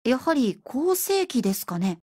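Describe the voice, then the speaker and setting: A woman's voice: high-pitched, big pitch swings, measured pace, mellow, slightly rough, no room sound, clean studio sound, exaggerated voice. A woman reading as a wondering man from the past. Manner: eager polite questioning. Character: curious, amazed man from the past. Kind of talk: audiobook reading.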